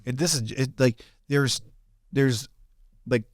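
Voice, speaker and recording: A man's voice: mid-range voice, slow, dry recording, studio quality. A man co-hosting a business podcast, reflective and emphatic, often restarting his sentences. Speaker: podcast co-host and business coach. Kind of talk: casual podcast conversation.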